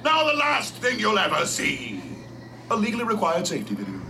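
An actor playing a pompous, vengeful cartoon villain with theatrical menace. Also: male voice, high-pitched, huge pitch swings, brisk, full character voice. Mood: menacing. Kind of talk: cartoon comedy acting. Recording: noisy theme park ride audio. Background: clear noise and ambience.

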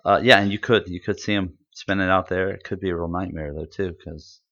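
A man's voice: low-pitched, steady tone, fairly quick, a bit bright. A man co-hosting a podcast in casual chat, rambling and enthusiastic with lots of fillers. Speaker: podcast co-host. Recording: dull lo-fi audio.

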